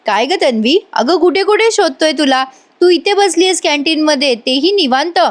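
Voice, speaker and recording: A woman's voice: high-pitched, animated, normal speed, pitched above the performer's own voice. A woman voicing a friendly young man with a chatty, lightly teasing way.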